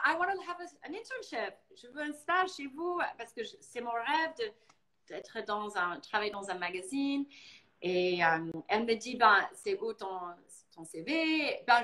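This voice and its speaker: An American woman from Boston, speaking with her American English accent as a guest on a casual live talk. She tells her stories with animation and drops English words into her speech. Her voice sits a little high. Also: expressive, normal speed, pushed and bright, poor audio. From Boston, United States.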